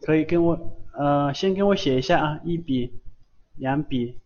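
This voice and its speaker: Slow, patient man teaching syllables. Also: on the high side, darkish tone. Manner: patient, repeats syllables many times. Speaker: Japanese teacher. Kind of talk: live online language lesson. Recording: dull lo-fi stream audio.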